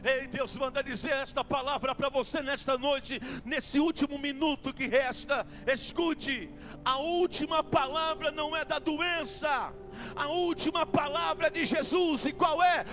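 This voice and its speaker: A man preaching a fiery sermon as a bishop in a church, with a Brazilian accent, shouting in repetitive refrains and then dropping to a hush. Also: very high voice, fairly even intonation, unhurried. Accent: Brazilian Portuguese. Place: church sanctuary. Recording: music playing behind the voice.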